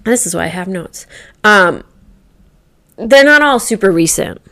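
A woman's voice: medium pitch, lively intonation, unhurried, bright, forceful tone. A woman in her thirties co-hosting a casual podcast, telling everyday mom stories with lots of fillers and restarts. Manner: chatty, storytelling with many fillers and restarts. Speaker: podcast co-host. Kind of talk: casual chat.

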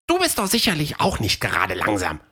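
A woman voicing Fred, a fast, eager male dinosaur runner in a children's audio story, in a high, excited voice. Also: husky, heavily acted.

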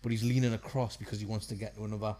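A man's voice: lowish voice, flat delivery, rapid-fire, dark tone. Easygoing man, casual podcast co-host. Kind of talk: casual film chat.

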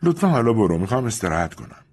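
A man's voice: lowish voice, sing-song, darkish tone, voice pushed up. A man voicing a cunning young woman in an audiobook, defiant and pleading by turns. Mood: haughty. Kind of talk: audiobook character reading.

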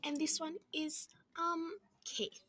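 A woman's voice: high-pitched, flat delivery, slow pace, bright, forceful tone, voice pushed up, full character voice. A woman voicing a nervous, fretful mother kangaroo in a storybook reading, anxious and pleading.

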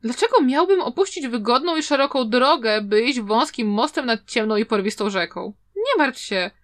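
A woman's voice: a little high, lively intonation, moderate pace, fairly bright tone. A woman reading a carefree, mischievous young man in an audiobook, answering back glibly and without a care. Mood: breezy. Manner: glib, brazenly talking back.

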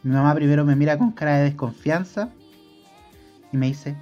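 Chilean man telling animated stories. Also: fairly high pitch, normal speed, dull audio, faint music behind. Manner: animated, acts out voices in his stories. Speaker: podcast co-host. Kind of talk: casual storytelling chat.

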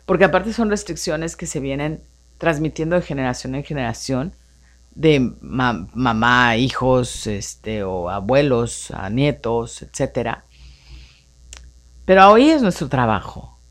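A woman hosting a live radio show on personal growth, coaching listeners with a string of rhetorical questions. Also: lowish voice. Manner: animated coaching tone, rhetorical questions, frequent "entonces" and "no?". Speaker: radio host.

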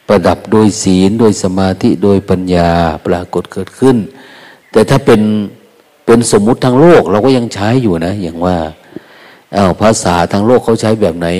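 An older monk gives a gentle, unhurried Dharma talk with a low, warm voice. He speaks in a folksy way and drops in little quoted remarks. His voice carries a long reverb, as if he is in a large hall. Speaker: Buddhist monk.

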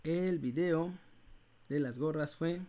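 A man with a Mexican accent hosting a casual live giveaway, speaking to viewers like a playful, animated prize announcer. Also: fairly high pitch, slow pace. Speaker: host of an online news channel running a live giveaway.

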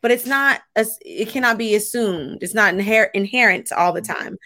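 Woman co-host, dry close sound, reflective and halting, casual chat. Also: medium pitch, pushed and bright, no echo. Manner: reflective, halting, restarts mid-sentence. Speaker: podcast co-host, dance and Pilates teacher.

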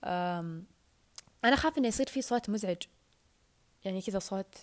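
A woman with a Saudi Arabic accent talks quickly on a casual solo podcast at a middle pitch. She rambles and keeps dropping into whispered asides. The sound is close and thin, as from a wired earphone mic. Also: animated. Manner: rambling, rushed, drops into whispers.

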